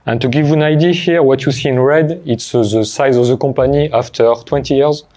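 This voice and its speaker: A man's voice: mid-range voice, steady tone, a little fast, dark tone. A middle-aged man with a French accent, speaking English as a second language, gives a conference talk with frequent fillers and restarts. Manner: hesitant, with many fillers and restarts. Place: conference stage.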